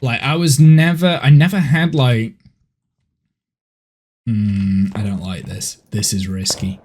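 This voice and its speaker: Slow and steady, with a darkish tone and medium pitch, this man talks casually during a live stream of a horror game. He's in his thirties, has a head cold, and rambles on from home as he plays.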